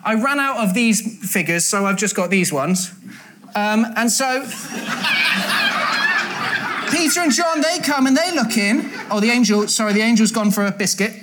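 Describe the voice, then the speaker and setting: A woman leading a children's talk. She tells the story in a lively, playful way and asks the children questions. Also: mid-range voice, moderate pace, long pauses, background noise.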